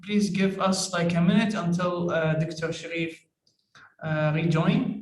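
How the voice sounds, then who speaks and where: High-voiced man hosting a webinar, echoey and distant. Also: flat delivery, a little slow. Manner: hesitant, many fillers, polite. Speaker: webinar host. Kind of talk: online webinar moderation. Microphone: video call. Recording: echoey room, distant from mic.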